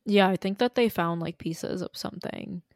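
A woman's voice: on the low side, normal speed, a little mellow, no echo, studio quality. Giggly young woman on a podcast. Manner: giggly, offhand. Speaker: podcast co-host. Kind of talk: casual chat.

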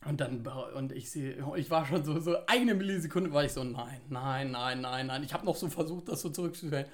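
A young man co-hosting a podcast, telling an animated story in casual chat and acting out the quotes. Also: fairly high pitch, quick pace. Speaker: podcast co-host.

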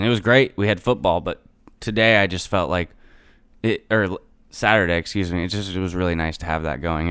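Smooth, low-voiced male sports podcast host. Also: no room sound, clean studio sound. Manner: informal, slangy. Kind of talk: casual hosting and sports recap.

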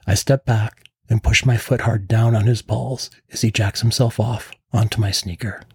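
A man reading a first-person story in a calm, low-key narration as a podcast host. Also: moderate pace.

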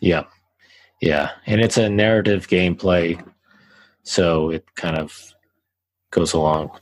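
On poor audio with no echo, a deep-voiced young man takes it slowly as he co-hosts a podcast. He talks loosely about a game he played, relaxed and rambling, with plenty of fillers and restarts.

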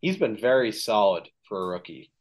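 A podcast host with a fairly low voice talks at a normal pace, recapping game stats on his casual sports show. He sounds relaxed, packs his recap with ums and filler, and his slightly worn voice is starting to go.

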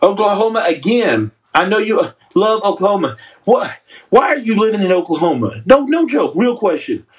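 A man with a high voice hosts a loose, casual livestream, reading out the viewers' comments. He ribs the audience and calls people son. His voice sits a little back from the mic. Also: sing-song, normal speed, far from the mic, poor audio. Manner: joking, trash-talking, calls people son. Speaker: podcast host reading live chat.

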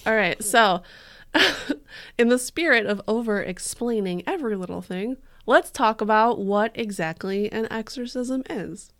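Fairly high-pitched and a little bright, this young woman talks slightly slowly but animatedly. As a podcast co-host on a laid-back true crime show, she's bubbly and joking, leaning heavily on "like."

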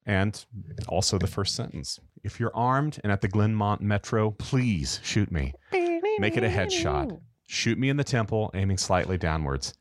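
American guy reading a creepy story out loud on a podcast, lowish voice, swings around a lot, dry close sound. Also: lively intonation, moderate pace, no room sound. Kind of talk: casual podcast chat and story reading aloud.

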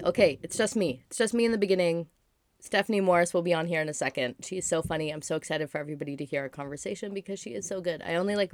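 A woman in her twenties hosting a podcast in a casual solo chat, hoarse from being sick, rambling and chatty with lots of "like" fillers. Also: lowish voice, dry recording. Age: 20s. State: hoarse from illness. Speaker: podcast host.

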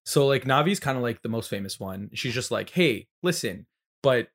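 A man's voice: medium pitch, fairly quick. A man co-hosting a casual podcast, chatting about video games and acting out characters' lines. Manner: animated, acts out game characters' lines with laughs. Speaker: podcast co-host.

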